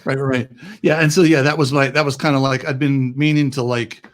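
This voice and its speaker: A man's voice: medium pitch, fairly even intonation, fairly quick. A man talking as a guest on a casual live podcast, joking about himself in a wry, self-deprecating way.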